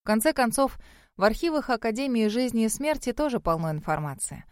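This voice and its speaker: A woman narrates a first-person audiobook with a wry, sardonic edge. Her voice sits a little higher than most. The recording is dry and close. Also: sing-song, a little fast, no echo.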